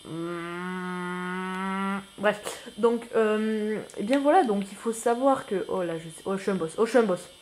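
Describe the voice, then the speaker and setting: A man giving casual gameplay commentary as a new YouTuber, rambling and self-mocking, full of slang and excitable outbursts at the game. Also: high voice, measured pace, a little hiss or hum.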